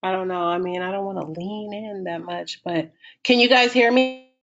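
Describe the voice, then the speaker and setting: A woman recruiter on a video call, speaking quietly into her computer's built-in mic with no headset, so her voice sounds hollow and distant, as if she were in a hole. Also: normal speed. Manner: quiet, low-volume speech. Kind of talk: online meetup guest talk. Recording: muffled, hollow laptop-mic audio.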